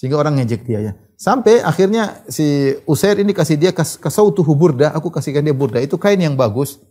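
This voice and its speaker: A male preacher tells a story in a sermon, quoting Arabic lines and then translating them in a lively storytelling manner. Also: fairly high pitch, fairly quick. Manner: animated retelling, quotes Arabic then translates. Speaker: Islamic preacher.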